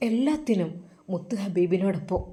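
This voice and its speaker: Warm-toned woman narrating a devotional story. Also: medium pitch, animated, moderate pace. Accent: Malappuram Malayalam. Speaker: storyteller voicing all characters. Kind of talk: Islamic story narration in Malayalam.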